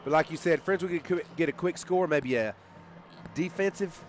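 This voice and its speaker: A man doing color commentary on a high school football game, chatty and quick to laugh. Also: a little hiss or hum. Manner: chatty, laughs often, exclaims.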